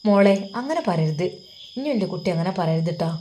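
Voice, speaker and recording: A woman voicing a middle-aged mother who coaxes and presses her daughter, speaking louder and firmer. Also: lowish voice, lively intonation, fairly quick, a little hiss or hum, lightly acted. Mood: coaxing. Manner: coaxing then firm, louder. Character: insistent middle-aged mother, firm and coaxing.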